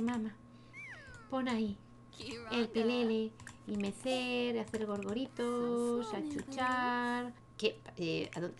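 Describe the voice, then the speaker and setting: A woman's voice: fairly high pitch, a bit bright. A young woman with a Spain Spanish accent gives casual let's-play commentary, chatting to her game characters and laughing often. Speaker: gaming youtuber.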